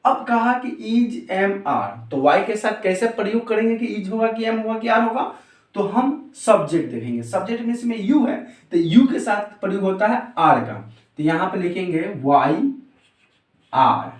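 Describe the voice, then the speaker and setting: Lively high-voiced man teaching grammar. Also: far from the mic. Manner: explains step by step, repeating words slowly. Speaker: English teacher. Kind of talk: Hindi-language grammar lesson. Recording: roomy echo, voice off-mic.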